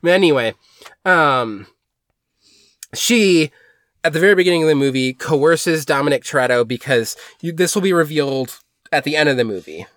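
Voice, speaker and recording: Guy on a podcast going over movie plots, kinda high voice, lots of ums, super dry mic. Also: animated, normal speed, a bit bright, dry recording. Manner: rambling, many fillers and restarts. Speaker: podcast co-host. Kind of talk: casual chat recapping movies.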